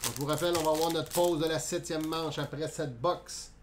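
A man's voice: a little high, a little fast, background noise. Chatty Québécois man opening cards. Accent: Quebec French. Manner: chatty, laughs often, jokes with live viewers. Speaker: card break host. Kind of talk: live card-opening commentary.

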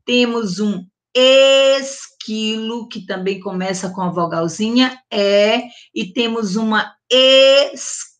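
Woman teacher for an early-literacy lesson, slow and patient, stretches vowels loudly, frequent little check-ins. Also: a little high. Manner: slow, drawn-out enunciation with diminutives and check-ins. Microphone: close mic, online class recording.

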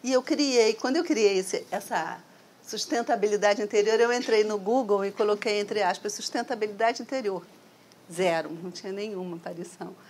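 Standing at a microphone in a hall, a middle-aged woman from Brazil lectures an audience in a reflective, conversational way, often adding "né?" to her sentences. She speaks at a moderate pace in a medium-pitched, slightly mellow voice.

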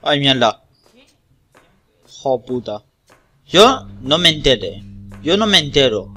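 A man's voice: mid-range voice, sing-song, takes it slowly, pushed and bright, faint music behind. A man with an accent from Spain giving casual, rambling, repetitive gameplay commentary with plenty of swearing. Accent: Spanish from Spain. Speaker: gamer.

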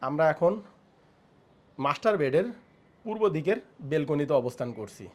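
Touring an apartment room by room, a male estate agent narrates straight to viewers, highlighting every room's features. He speaks at a moderate pace in a fairly high voice, lowering it to a soft tone in the child's bedroom to avoid waking the sleeping baby.

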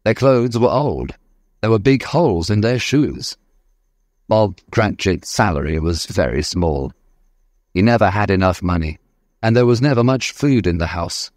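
A male storyteller reading a graded-reader story. His lowish voice rises and falls expressively as he reads clearly. The recording is close and dry. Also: expressive, unhurried, a little mellow, dry recording. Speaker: narrator.

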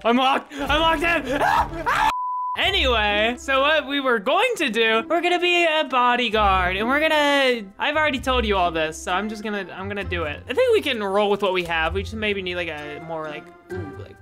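High-voiced man doing goofy game commentary. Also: lively intonation, brisk, few pauses. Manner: goofy, rambling, restarts words often. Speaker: gaming YouTuber. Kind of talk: joking gameplay commentary. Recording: game music behind the voice.

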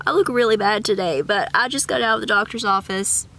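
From a parked car, a coughing young vlogger talks casually to a camera at arm's length, rambling and adding sing-song asides. She's sick, and her medium-pitched voice comes out a bit fast, pushed and bright.

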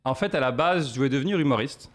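French guy in his 30s, talks fast, storytelling comedian on a podcast. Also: medium pitch. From France. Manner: animated storytelling with quoted asides. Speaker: guest comedian. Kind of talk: podcast interview answers.

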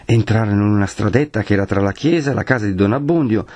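A man from Italy reading a classic novel aloud as an expressive audiobook narrator. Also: lowish voice, quick pace, slightly rough. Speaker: audiobook reader.

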